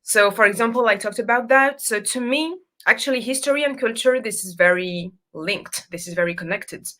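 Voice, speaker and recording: Woman, French accent, native French speaker, bright tense voice, hesitant English, interview guest. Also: on the high side, normal speed. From France. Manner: hesitant, searching for English words.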